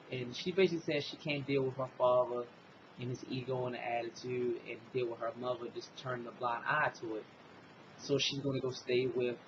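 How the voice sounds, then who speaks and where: A man chats through a comic book review in a loose, rambling way, leaning on fillers as he retells the story. His voice sits in an ordinary middle range. The audio is muffled and lo-fi, with noticeable noise underneath. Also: mid-range voice.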